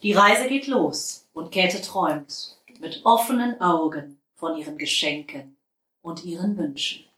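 Woman reading a bedtime story real slow, soft and calm, echoey room. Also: lowish voice. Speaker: narrator.

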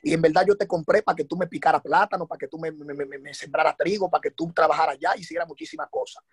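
A man preaching a sermon, telling a Bible story at a quick pace and acting out the characters' dialogue. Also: a little high, lively intonation, breathy edge, no echo, studio quality. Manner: fast, dramatic storytelling with acted dialogue.

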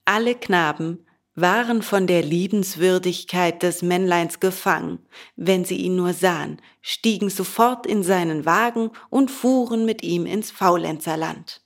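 A woman reading a children's storybook aloud, slow and expressive. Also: lowish voice. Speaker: narrator.

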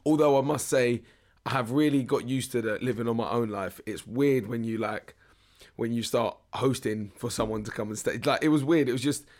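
A young British man with a hoarse, worn-out voice, hosting a casual podcast in a jokey, slangy, rambling way. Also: medium pitch, a little mellow. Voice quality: hoarse, strained voice. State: hoarse, losing his voice. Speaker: podcast host. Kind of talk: casual solo podcast chat.

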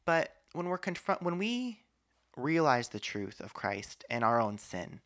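A man's voice: mid-range voice, big pitch swings, measured pace, fairly bright tone. A man hosting a casual podcast conversation, talkative and argumentative, with many asides. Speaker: podcast host.

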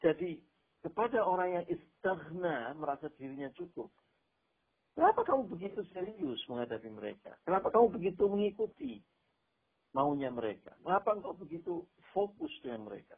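A male Islamic preacher giving a casual Quran commentary lesson over an online call, animated and explaining through spoken examples and repetition, with a tinny phone-line sound. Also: a little high, husky.

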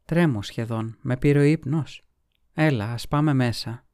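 A man voicing a languid, secretive young noblewoman in a storybook reading, with soft, sighing delivery. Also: mid-range voice, no room sound, clean studio sound, close to an everyday voice. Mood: weary.

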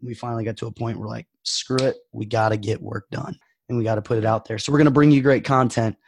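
A man co-hosting a casual podcast, hoarse and nasal from a cough, upbeat and joking. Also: mid-range voice, steady tone, quick pace, a little mellow. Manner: joking, upbeat, powering through. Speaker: podcast co-host.

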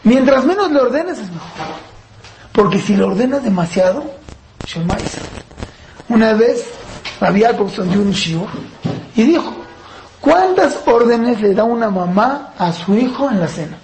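A woman's voice: on the high side, expressive, normal speed, pauses often, darkish tone. A woman teaching a parenting class, asking the class rhetorical questions and acting out parent-child dialogue. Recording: roomy echo, faint background noise.

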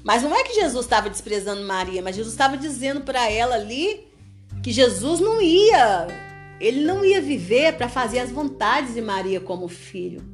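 A woman's voice: fairly high pitch, sing-song, normal speed, reverberant, soft background music. A woman leading a prayer and Bible study, earnest and repeating her phrases, often checking in with her listeners.

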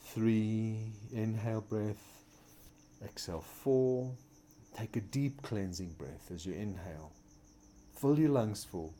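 A man guides a yoga class in a low, mellow voice. He speaks very slowly and calmly, giving soothing, measured cues one step at a time. There is light background noise with insect-like chirping. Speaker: yoga instructor. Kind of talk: guided yoga class instruction, counting breaths and relaxation cues.

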